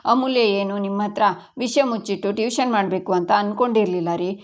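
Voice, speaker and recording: A woman's voice: medium pitch, fairly quick, natural voice. A woman voicing a middle-aged mother-in-law who argues and reproaches her husband. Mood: reproachful. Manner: reproachful, arguing.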